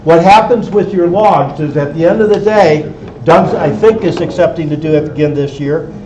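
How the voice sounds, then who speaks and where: A man with a slightly high voice teaches hands-on to a group at an amateur radio club, speaking at normal speed in a practical, explanatory way and often checking they follow. The indoor meeting room is echoey, and the distant, dull mic picks up faint noise.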